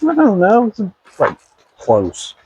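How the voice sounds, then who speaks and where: A man's voice: high-pitched, huge pitch swings, takes it slowly, dark tone, slightly rough, dry recording. A man cracks dry, self-deprecating jokes as he walks along a forest trail, heard from a little away from the camera. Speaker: vlogger's hiking partner. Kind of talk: casual banter on a hike. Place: outdoors on a forest trail near a waterfall. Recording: dull lo-fi sound, faint hiss, off-mic.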